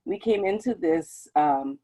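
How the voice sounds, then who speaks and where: A woman on a panel giving a measured, candid personal account. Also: lowish voice, expressive, warm tone. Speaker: homeschooling mom on panel. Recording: dull lo-fi audio.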